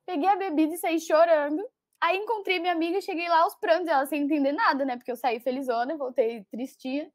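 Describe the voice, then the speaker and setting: Brief: young woman, high bright voice, chatty storyteller with lots of laughs, dry close sound. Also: fast talker, no room sound. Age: young adult. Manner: animated, laughs often, many fillers. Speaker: guest storyteller. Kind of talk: casual storytelling.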